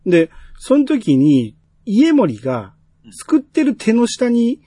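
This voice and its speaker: Animated Kansai man chatting, husky voice. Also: extremely high pitch, slow pace, dry recording, clean studio sound. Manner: chatty, animated storytelling with acted-out quotes. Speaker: podcast co-host. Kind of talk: casual chat reviewing a TV drama.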